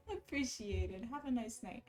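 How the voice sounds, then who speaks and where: A woman's voice: fairly high pitch, big pitch swings, unhurried, soft background music. A woman livestreaming in casual chat, reading out and answering viewers' comments, of Palestinian origin. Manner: chatty, reads and answers chat aloud.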